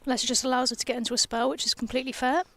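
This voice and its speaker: A woman's voice: high-pitched, level tone, very fast, a bit bright. A young woman, a professional cricketer, co-commentating live cricket on a headset outdoors, chatty and teasing. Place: outdoors under a gazebo at a cricket ground.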